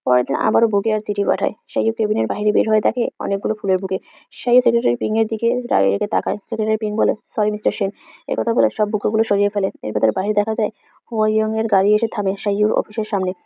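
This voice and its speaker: A woman's voice: medium pitch, fairly even intonation, very fast, gravelly, no room sound, dull audio. A woman narrating a drama episode recap as a story, reading every character's lines in nearly her own voice. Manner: reads all characters' lines in her own voice with little change.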